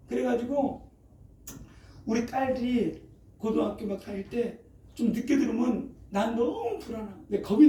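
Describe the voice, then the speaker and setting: A middle-aged pastor with an extremely high but warm voice delivers a sermon, repeatedly tossing rhetorical prompts like "어?" and "예?" ("eh?", "right?") at the congregation. The sanctuary recording is echoey, picked up by a distant mic with faint ambience and a little hiss or hum.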